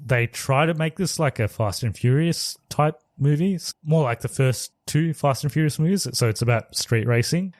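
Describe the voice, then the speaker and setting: A podcast co-host with a slightly high voice chats casually in a movie review episode, retelling a film's plot in a loose, rambling way full of restarts. He speaks at a moderate pace with few pauses, and the audio is studio quality with no echo.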